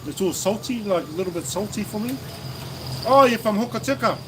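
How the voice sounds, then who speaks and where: A man's voice: high voice, animated, fairly quick, noisy background. A man from New Zealand with a New Zealand accent, chatting casually on a livestream over lunch, rambling with fillers and restarts. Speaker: livestream host. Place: indoors at a lunch table in the Philippines.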